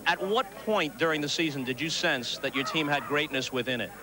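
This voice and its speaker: High-voiced broadcaster amid a crowd. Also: male voice, a little fast. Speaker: sideline reporter. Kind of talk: postgame interview questions. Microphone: handheld broadcast mic. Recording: noisy crowd behind.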